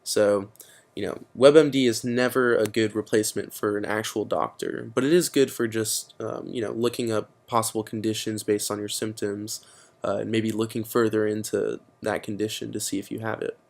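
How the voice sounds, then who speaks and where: In this screen-recorded computer tutorial, a teenage boy talks casually through the steps, leaning on frequent fillers. He speaks at a normal speed in a flat, gravelly voice that sits on the low side.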